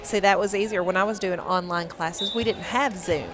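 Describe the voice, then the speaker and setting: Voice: mid-range voice, steady tone, moderate pace. A chatty middle-aged co-commentator who laughs easily, speaking casually at a school game. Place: school gym, indoors. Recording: noisy gym with crowd chatter.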